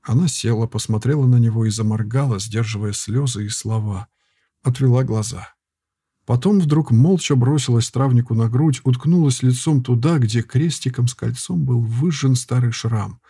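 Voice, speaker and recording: A man reads a novel aloud in a measured, intimate way. His voice is dark and husky. The recording is close and dry, with no room sound. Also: medium pitch, no room sound. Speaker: audiobook narrator. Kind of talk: scripted narration.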